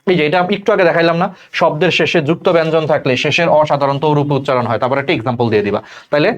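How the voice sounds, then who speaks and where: Fast-talking young male tutor. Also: a little high, fairly even intonation, muffled recording. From Bangladesh. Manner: fast, chatty, addresses students as "bhai", many checks like "thik ache?". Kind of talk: online exam-prep lecture.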